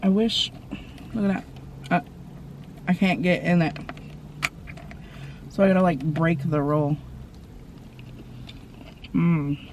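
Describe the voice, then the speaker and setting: A woman vlogger from the Portland area chatting casually while eating, with soft mumbled asides over her food. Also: on the low side, takes it slowly, pauses often, a little hiss or hum. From Portland, Oregon area. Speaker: mukbang vlogger. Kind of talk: casual eating-show chat.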